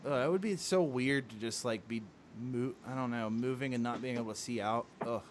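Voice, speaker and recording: Podcast co-host, man, rambling and sardonic, mid-pitched, faint hiss behind. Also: brisk. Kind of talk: casual podcast chat.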